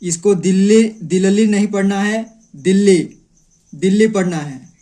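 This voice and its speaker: A man's voice: high voice, normal speed, mellow. A man teaching how to read and write Hindi letters, patiently repeating each sound and syllable aloud. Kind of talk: slow step-by-step lesson.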